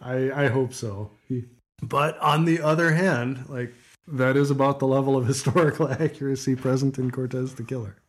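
A man co-hosting a casual music podcast at a mid pitch. He talks in loose rambling runs, full of "like" and "you know". He laughs easily between his points. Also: steady tone, moderate pace. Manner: rambling, laughs often, lots of fillers. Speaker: podcast co-host.

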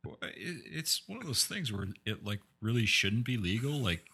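Deep-voiced iowa guy on a podcast, sharp tone, deadpan jokes, casual chat. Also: normal speed, gravelly, husky. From eastern Iowa. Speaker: podcast co-host.

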